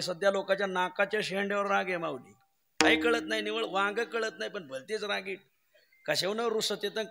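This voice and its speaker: A man's voice: high voice, big-room sound. A man preaching a devotional kirtan sermon, telling stories with humour and chanting verses.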